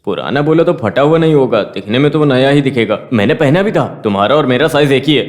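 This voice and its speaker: A man's voice: fast talker, close to an everyday voice. An actor dubbing a stingy, tipsy, blustering older man in a film scene. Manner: blustering, jumps to a high excited pitch. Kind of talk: Hindi film dub.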